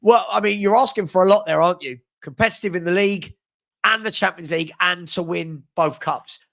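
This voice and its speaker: A young man hosts a live fan chat stream, reading viewers' comments aloud and giving shout-outs in an upbeat, chatty way. A head cold leaves him a bit sniffly. His voice is high-pitched, brisk and creaky.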